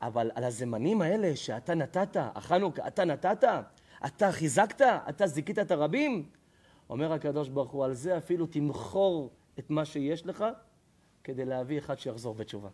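High-voiced rabbi telling a story in a sermon. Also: male voice, animated, breathy edge. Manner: swings between loud exclaiming and hushed low asides; asks the audience questions and answers them himself. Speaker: rabbi giving a Torah lesson.

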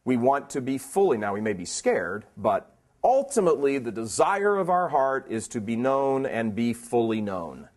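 A man's voice: mid-range voice, big pitch swings, moderate pace. A man giving a preaching talk at a conference, emphatic and plainspoken, firing rhetorical questions at his listeners. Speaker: conference speaker.

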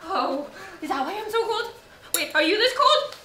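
A woman's voice: very high-pitched, very animated, moderate pace, sharp tone, slight background noise, exaggerated voice. A young woman acting a panicky, dramatic, whiny roommate in a comedy sketch. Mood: panicked. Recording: roomy sound with music.

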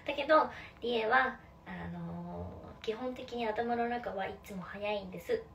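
A young woman hosting a casual live stream, reading viewer comments aloud. She talks very fast in a playful, cutesy way and refers to herself by her own name. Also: mid-range voice, vocal fry, dull audio, noisy background. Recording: echoey room, slightly distant mic, faint ambience.

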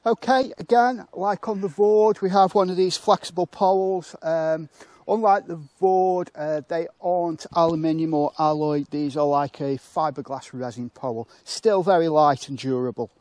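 A man casually demonstrating how to pitch a tent outdoors, chatting and thinking aloud with fillers, poking fun at himself. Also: moderate pace, a little mellow, no room sound. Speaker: motorcycle touring reviewer.

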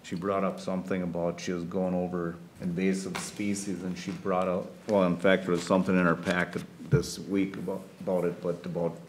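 A man's voice: deep voice, level tone, brisk, few pauses, darkish tone, slight background noise. A man on a watershed board giving a rambling, hesitant report at a meeting.

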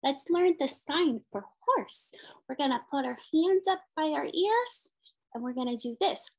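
A special education teacher in her thirties reads a picture book to young children, asking questions in simple, sing-song phrases. Her voice is high-pitched, animated and somewhat dark in tone, delivered at a measured pace over poor audio.

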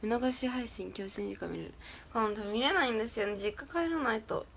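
A woman's voice: on the high side, fairly quick, gravelly, slight background noise. Chatty young woman, giggly livestream talk. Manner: chatty, giggly, reads and answers viewer comments. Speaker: idol livestreamer. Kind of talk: casual livestream chat.

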